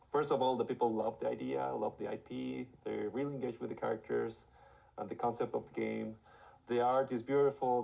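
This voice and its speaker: A studio director with a raspy, hoarse voice from being sick, talking casually on a livestream and rambling through his explanations. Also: mid-range voice, low-quality recording. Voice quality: raspy from illness. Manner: rambling, restarts, explains warmly.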